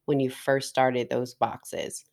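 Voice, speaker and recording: A woman's voice: rumbling low, little pitch movement, takes it slowly, vocal fry, darkish tone. A woman hosting a podcast, asking thoughtful questions and affirming her guest in a conversational way. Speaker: podcast host. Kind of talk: interview questions and chat.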